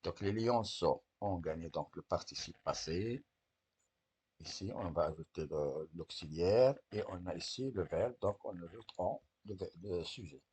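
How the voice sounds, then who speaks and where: A man's voice: low-pitched, lively intonation, unhurried, darkish tone, slightly rough. A man teaching French to young pupils, patiently correcting a test step by step and answering his own questions; French is not his first language. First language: Arabic.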